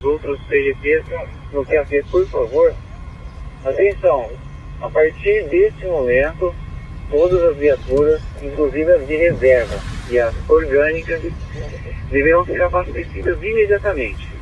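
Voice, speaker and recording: Reading codes and numbers on police two-way radio, a male dispatcher with a Brazilian accent sounds formal and courteous. His voice is fairly high and a little slow, coming through tinny, narrow-band audio with slight background noise.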